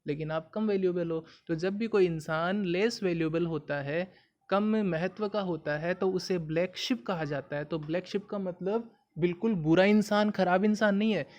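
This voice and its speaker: High-voiced man teaching idioms. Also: moderate pace, darkish tone, dull audio. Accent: Hindi. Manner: patient, repetitive explanations, asks the viewer questions. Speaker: English teacher. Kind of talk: explaining idioms in a video lesson.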